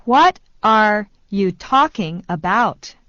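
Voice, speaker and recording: Very slow woman repeating phrases. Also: medium pitch, animated, pushed and bright, no echo. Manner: very slow, deliberate delivery. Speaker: phrase reader. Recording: dull lo-fi dry sound.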